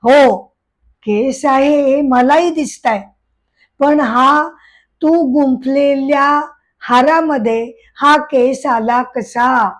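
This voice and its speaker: A woman's voice: sits high, fairly even intonation, takes it slowly. A woman voicing a stern, anxious devout father who scolds his daughter, in a spoken devotional tale. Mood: scolding. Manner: scolding, calling out loudly.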